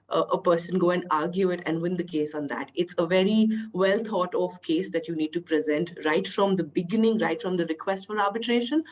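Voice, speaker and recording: A woman's voice: fairly low pitch, rough recording. A woman speaking on an online panel, nasal from a cough, earnest and full of "uh" fillers. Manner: earnest, filler-heavy, deliberate. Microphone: video call.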